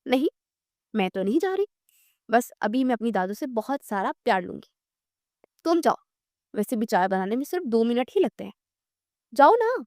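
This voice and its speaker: A woman's voice: on the high side, big pitch swings, moderate pace, pauses often, a little mellow, no echo, studio quality. A woman doing a wheedling stubborn younger sister. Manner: wheedling, pleading.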